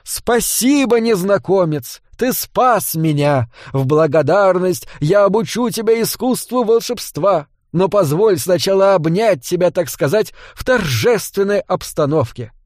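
A treacherous male elf declaims with grand, pompous pathos, as a man puts him on. The voice sits higher than the narrator's and rolls slowly, in a dry, close recording. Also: animated, a little mellow, dry recording. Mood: theatrical. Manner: pathetic declaiming.

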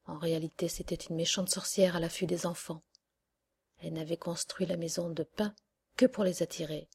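A woman narrating a fairy tale audiobook in a soft, hushed storytelling manner. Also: fairly low pitch, fairly even intonation, moderate pace, husky. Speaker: audiobook reader.

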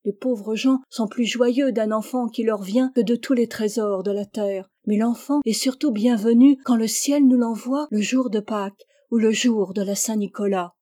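A woman reading the part of an old boatwoman mother, emotional and warm with joy. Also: fairly high pitch, normal speed, few pauses, natural voice. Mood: tearful joy.

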